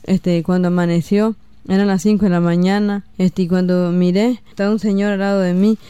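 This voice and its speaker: A young Nicaraguan woman of eighteen speaks haltingly, stopping and restarting often. Her voice stays flat and dark, very smooth and clear. The sound is dry and close. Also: mid-range voice, dry recording, highs cut off. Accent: Nicaraguan Spanish. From Matagalpa, Nicaragua. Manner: halting, many fillers and restarts. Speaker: interviewee. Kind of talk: personal testimony.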